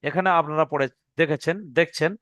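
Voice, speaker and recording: A male teacher with a slightly high voice, patiently walking through a reading lesson and repeating the rules. He draws out letter names in a sing-song way. The sound is close and dry, with no room echo. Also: fairly even intonation, fast talker, fairly bright tone. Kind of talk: classroom lesson recitation.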